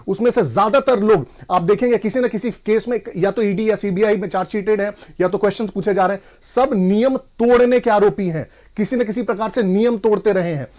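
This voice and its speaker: Brief: high-pitched male party spokesperson, forceful TV-debate arguer. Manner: forceful, insistent, refuses interruption. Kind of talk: TV debate argument.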